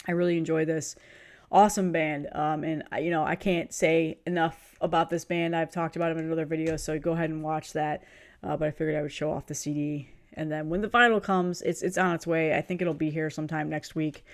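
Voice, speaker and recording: This woman's voice is low with little pitch movement, and she talks a little fast. She's in her thirties, has a cold and sounds sniffly, and reviews music in a casual video chat, rambling somewhat, laughing a lot, and clearly enthusiastic.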